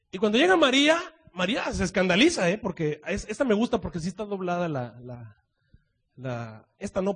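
A male preacher telling a sermon story dramatically, swinging from loud proclamations to hushed asides. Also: on the high side, breathy edge.

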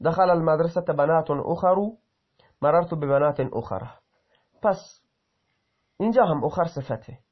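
A man with a slightly high voice teaches an Arabic grammar lesson, reading out example sentences and then explaining them. He sometimes stops mid-word and corrects himself. The recording is dull and lo-fi. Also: long pauses, breathy edge.

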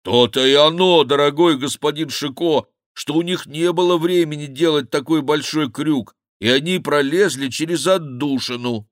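A man voicing a fat, cowardly male monk who wails and pleads loudly, in a high, drawn-out voice in an audiobook. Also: no room sound, clean studio sound, close to an everyday voice. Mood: pleading. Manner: wailing, pleading, loud lamenting.

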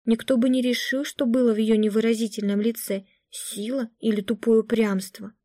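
Woman, audiobook narrator, measured storytelling, slightly high voice, dry close sound. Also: level tone, dark tone, no room sound. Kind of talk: audiobook reading of a classic story.

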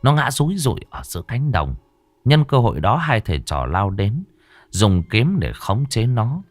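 A man narrates a ghost story with dramatic, expressive storytelling. His voice is mid-range at a moderate pace, and there is no room sound.

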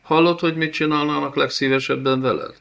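A man's voice: a little high, steady tone, creaky, fairly bright tone, pitched above the performer's own voice. A man voicing a huge, cruel male beast-warlord in an audiobook, with a sneering, mock-tender way of taunting. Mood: gloating cruel. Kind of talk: audiobook character voice.

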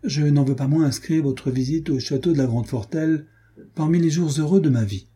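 A man's voice: fairly high pitch, brisk, mellow, husky, voice pushed up. A man reading aloud, voicing an older, proud and gracious count who speaks formally, in a raised voice. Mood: courteous. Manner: formal, stately, hospitable. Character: old proud count, gracious, dignified host.

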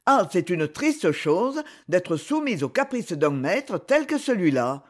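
A man's voice: sits high, sing-song, slow, exaggerated voice. A man voicing a scheming secretary who mutters as if talking to himself, in a storybook reading. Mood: sly.

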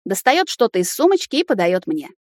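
A woman narrates a first-person novel in a steady, intimate storytelling voice. Her pitch sits in the middle range. The recording is dry and close, with no room sound. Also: a little fast, dry recording. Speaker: audiobook reader.

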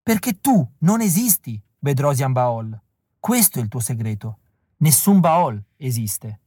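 A man reading an audiobook, voicing a tender and resolute rebel woman in a soft, earnest, measured way. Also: mid-range voice, big pitch swings, husky, dry recording, clean studio sound.

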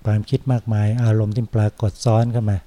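Older monk with a dark, flat voice. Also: male voice, on the low side. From Thailand. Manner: unhurried, reflective, often ends phrases with a soft "na". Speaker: Buddhist monk giving a Dhamma talk. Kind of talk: informal Dhamma talk.

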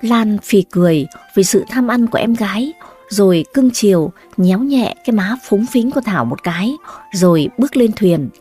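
A woman narrating a scripted story in an even storytelling manner. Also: mid-range voice, normal speed, husky, faint music behind.

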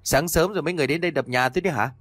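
A male storyteller voicing a frightened but stubborn middle-aged woman who talks fast and snaps back. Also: fairly high pitch, fairly bright tone, no echo, pitched above the performer's own voice. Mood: defiant. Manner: panicky, fast and defiant.

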